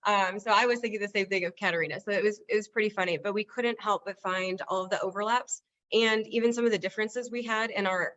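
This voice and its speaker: A woman's voice: medium pitch, a bit bright, lo-fi sound. A woman in her thirties from the United States, speaking as an architect in a conversational interview. She talks in an upbeat, chatty way and laughs while she speaks. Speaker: architect, studio co-founder.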